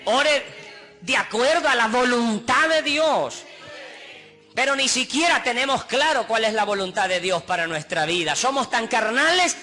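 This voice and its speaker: A man's voice: extremely high pitch, bright, forceful tone. A man with a Honduran Spanish accent preaching a sermon with passion, acting out pleading voices through repetition. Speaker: pastor.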